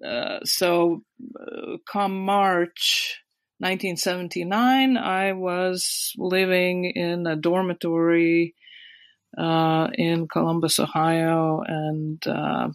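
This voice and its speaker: Recorded dry, this interview guest, a woman in her sixties with a Latvian accent, remembers her past slowly and flatly in a lowish voice. Her recollection is hesitant, marked by many fillers and restarts.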